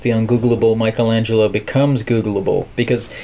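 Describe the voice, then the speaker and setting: This podcast guest is an artist and filmmaker, a middle-aged man from the Netherlands who speaks with a neutral American accent. His voice is on the low side, steady, a little fast, and mellow, though the audio is poor. He's reflective and playful, favoring wordy phrasing.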